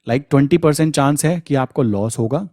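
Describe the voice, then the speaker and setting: A man's voice: on the high side, normal speed, warm tone, no echo, studio quality. A man giving a casual, conversational trading lesson to viewers, often calling them brother. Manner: conversational, addresses viewers as brother, frequent "thik". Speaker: trading educator.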